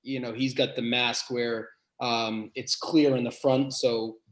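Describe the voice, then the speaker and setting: Fielding podcast questions, this big-voiced head basketball coach replies with sincerity, working through his thoughts aloud with pauses and fresh starts. He speaks in a mid-range voice with a level tone.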